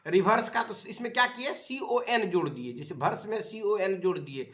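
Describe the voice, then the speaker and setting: A man teaching a child spelling in a home lesson, coaxing patiently and repeating his prompts, his explanations halting and full of filler sounds. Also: high-pitched, animated, a bit bright.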